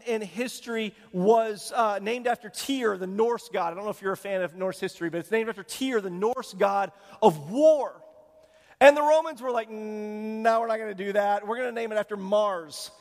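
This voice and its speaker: A man's voice: very high voice, long reverb tail. A male pastor preaching a conversational sermon and asking the congregation questions. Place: church sanctuary.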